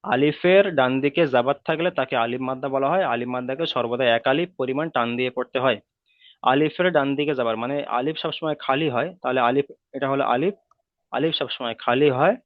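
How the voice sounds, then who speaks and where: A man's voice: medium pitch, fast talker, no echo. A man teaching Quran reading in an online class, repeating each rule patiently and drawing out the vowel sounds. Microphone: video call. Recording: tinny call audio, dry.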